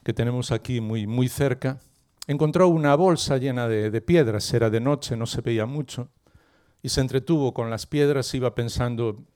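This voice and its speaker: A middle-aged man delivers a sermon. He tells a story and often turns to ask the congregation questions. His voice sits at an ordinary pitch for a man. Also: normal speed. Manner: lively storyteller who asks the listeners questions. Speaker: preacher.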